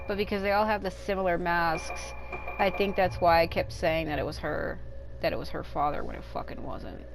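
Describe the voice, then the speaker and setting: Rambling woman in her thirties, lowish voice. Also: rough recording. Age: 30s. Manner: rambling and candid, thinking aloud. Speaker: let's play gamer. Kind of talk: casual gameplay commentary. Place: at home. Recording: game music playing under the voice.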